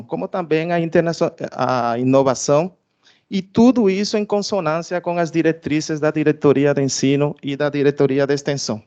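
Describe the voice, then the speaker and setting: A man's voice: on the high side, darkish tone, clear, resonant tone, lo-fi sound. Cuban-accented man giving a formal presentation. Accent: Cuban Spanish. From Cuba. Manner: hesitant, many filler sounds and restarts. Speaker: research director giving an institutional presentation.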